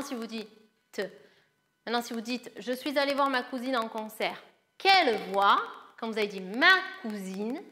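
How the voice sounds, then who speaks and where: Slightly high in pitch, her voice sounds pushed and bright. She's a primary school teacher who calmly leads young children through grammar step by step, affectionately calling them "les loulous".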